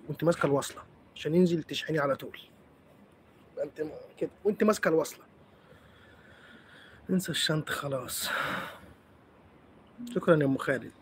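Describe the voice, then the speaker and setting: A man's voice: on the high side, creaky, a little hiss or hum. A man with an Egyptian accent hosting a live stream, chatting playfully with viewers and teasing them as he answers comments. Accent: Egyptian Arabic.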